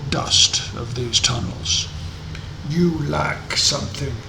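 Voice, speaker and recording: A man plays a grave stone face cursed to watch and warn, in a slow, solemn talking-tree manner. The game dialogue comes with a creaky edge, in a roomy recording with clear noise. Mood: grave, ominous. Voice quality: creaking, rumbling. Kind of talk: video game dialogue read aloud. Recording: noisy, roomy home recording.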